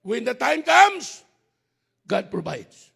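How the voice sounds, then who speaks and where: A middle-aged man preaching a storytelling sermon at a church graduation service, animated and laughing, shouting for emphasis. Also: extremely high pitch, slow pace, gravelly, slightly rough. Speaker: pastor.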